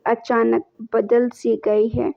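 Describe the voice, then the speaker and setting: Woman voicing a young newlywed bride, tearful and pleading, slow measured reading, flat tone, gravelly edge, dull lo-fi sound. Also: fairly high pitch, no room sound. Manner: pleading, tearful confiding to her mother. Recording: dull lo-fi recording.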